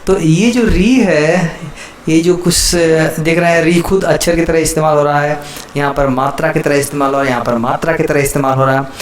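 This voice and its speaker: A man's voice: a little high, steady tone, brisk, slight background noise. A man teaching Hindi letters to viewers, patiently repeating each example word and checking in with the listener again and again.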